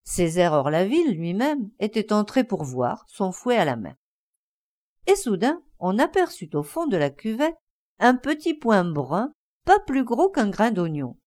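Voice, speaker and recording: A woman narrating a classic story, expressive and acting out the scenes. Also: mid-range voice, unhurried. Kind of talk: storybook reading.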